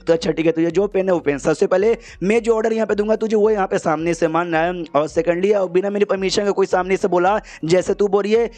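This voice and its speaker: A man's voice: high voice, steady tone, fast, few pauses, darkish tone, no room sound, natural voice. A man voicing a stern, bossy young male guardian who gives curt orders. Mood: commanding. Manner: commanding and curt.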